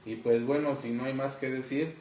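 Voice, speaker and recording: A woman with a very deep, low-pitched voice hosts a podcast, patiently questioning children about a storybook. She often ends her questions with a tag question. Her voice sounds roomy and echoey, with a faint hiss underneath. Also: fairly even intonation, moderate pace, a little mellow. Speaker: host of a children's book podcast. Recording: roomy echo with faint noise.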